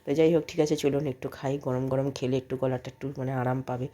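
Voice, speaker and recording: Sick with a cold and coughing, a thirtysomething vlogger narrates her day at home in a homely, meandering chat. She talks very fast in a very deep, dark voice with fairly even intonation.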